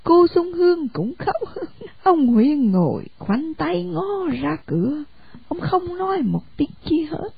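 A woman reading a story aloud in an expressive, animated way. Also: extremely high pitch, takes it slowly, creaky. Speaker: narrator. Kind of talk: scripted storybook narration. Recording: dull lo-fi, dry sound.

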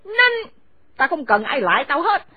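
A high, wildly swooping old matriarch spits insults in a rage, as a woman puts her on. The voice comes across dry and thin, as if over a phone line. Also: big pitch swings, measured pace. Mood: furious scolding. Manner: screaming insults, shrill and scornful. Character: furious elderly mother-in-law, harsh and domineering. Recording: dry, phone-like narrow sound.

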